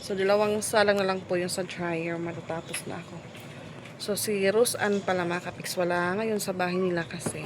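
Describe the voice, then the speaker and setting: A woman's voice: lowish voice, fairly even intonation, normal speed. Chatty woman vlogging over noise. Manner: chatty, polite, addresses viewers directly. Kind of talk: casual vlog narration.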